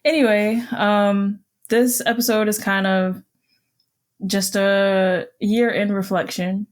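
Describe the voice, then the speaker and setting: A woman's voice: mid-range voice, little pitch movement, takes it slowly. A young woman co-hosting a podcast, chatting casually with a giggly, rambling manner and plenty of fillers. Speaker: podcast co-host. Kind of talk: casual chat.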